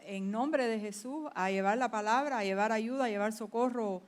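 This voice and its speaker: A woman's voice: on the high side, moderate pace. A woman giving her church testimony in a fervent way, often answering with amens. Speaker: church servant leader, guest.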